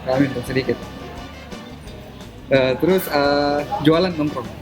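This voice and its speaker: A man with a Makassar accent hosting a casual interview in a coffee shop, relaxed and hesitant, with many fillers. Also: fairly high pitch, unhurried. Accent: Makassar Indonesian. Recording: music playing in the background.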